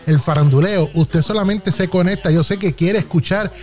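A man's voice: high-pitched, normal speed, darkish tone, soft background music. A man with a Puerto Rican accent hosting a comedic radio show who teases his guest and tosses out short, playful reactions.

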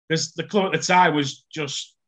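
Male host, high voice, chatty yarn-spinner. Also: measured pace. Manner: chatty storyteller, stammers when starting a story. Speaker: podcast host. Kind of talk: casual podcast chat.

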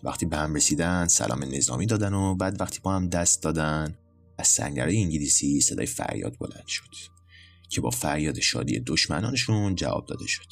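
A man narrating a scripted story in a measured, storytelling manner. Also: very deep voice, expressive, vocal fry, soft background music.

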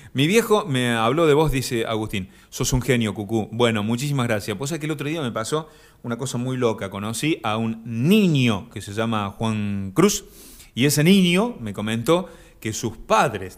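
A man with an Argentine Spanish accent hosts a comic Instagram live stream, reading comments aloud. His humor is deadpan and absurd, broken by sudden high-pitched shouts.

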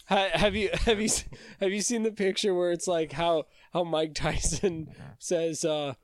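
Man from Western New York, higher-set voice, laughing co-host in loose banter. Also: steady tone, slow pace, dry recording. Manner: joking, laughs often. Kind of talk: casual chat.

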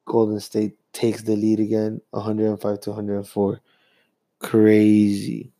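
A young man rambling through a profane, casual sports rant as a vlogger, jumping between fast bursts and drawn-out phrases. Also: lowish voice, monotone, mellow, dry recording.

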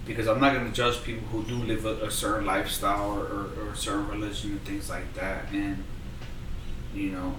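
A man co-hosting a casual podcast chat, blunt and profane, who grows loud and animated when he argues a point. He sits well back from the mic in an echoey room. A steady noise hums underneath his voice. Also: on the low side, a little fast. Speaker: podcast co-host. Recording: roomy, distant mic with background noise.

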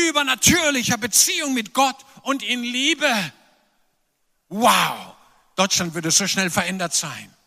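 A man preaching a sermon, animated and emphatic, with playful asides to the congregation. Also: high voice. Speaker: pastor. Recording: long reverb of a large hall.

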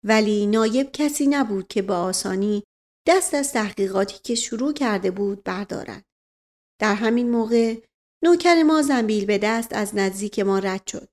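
A woman's voice: medium pitch, darkish tone. Woman narrating a novel aloud. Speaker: audiobook narrator. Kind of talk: scripted narration.

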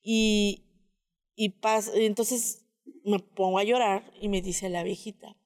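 A woman sharing a personal testimony in casual storytelling, speaking hesitantly with many filler pauses. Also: mid-range voice, fairly even intonation, darkish tone, long reverb tail.

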